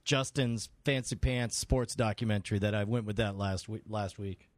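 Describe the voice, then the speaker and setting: A man's voice: lowish voice, steady tone, moderate pace, no echo. A man co-hosting a comedy podcast, rambling goofily while playing detective and laughing often. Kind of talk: improvised comedy banter.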